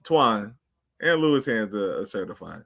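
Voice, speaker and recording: A man's voice: fairly low pitch, very animated, moderate pace, creaky, a bit bright. A man co-hosting a sports podcast, chatting in a laid-back, agreeable way. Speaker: podcast co-host. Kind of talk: casual sports chat.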